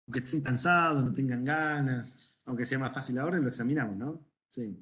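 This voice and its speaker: Argentine doctor quizzing a class. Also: male voice, medium pitch, a little fast, fairly bright tone. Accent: Rioplatense Spanish. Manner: conversational, asks the class questions, tells anecdotes. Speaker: ENT doctor teaching medical students. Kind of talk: lecture with questions to students.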